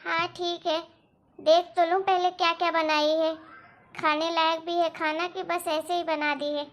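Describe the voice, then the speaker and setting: A furious, very high-pitched cartoon mother-in-law scolds and wails, voiced by a woman. She is strict and sharp-tongued, always on the attack. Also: level tone, unhurried. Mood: grumbling. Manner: shrieking, scolding. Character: shrill angry older mother-in-law. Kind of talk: animated story voice acting.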